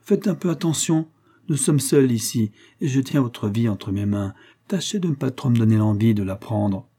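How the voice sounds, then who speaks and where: A man's voice: medium pitch, animated, normal speed, warm tone, slightly rough. A man reading the part of a cruel, threatening gunman villain in a Western story. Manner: sneering, threatening.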